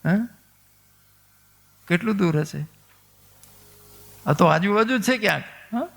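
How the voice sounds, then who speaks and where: A man's voice: sits high, expressive, slow, vocal fry, fairly bright tone, in a large hall. A man giving a devotional sermon, telling a scripture story and questioning his listeners animatedly. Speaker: religious storyteller.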